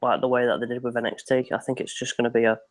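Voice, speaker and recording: Man, mid-range voice, rambling and easygoing in a relaxed live-stream chat. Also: mid-range voice, racing. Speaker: co-host of a live reaction stream. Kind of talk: casual chat.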